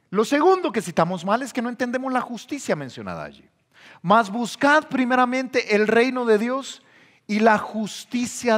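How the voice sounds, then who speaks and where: Pastor preaching in a hall. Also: male voice, sits high. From El Salvador. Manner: animated, acts out quoted voices. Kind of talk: sermon. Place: church hall.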